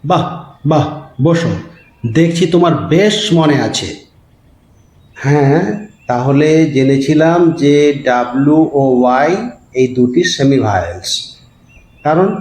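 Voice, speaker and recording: A man's voice: mid-range voice, a little mellow, reverberant, a little hiss or hum, poor audio. A male teacher patiently explaining grammar step by step to students. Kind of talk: classroom grammar lesson.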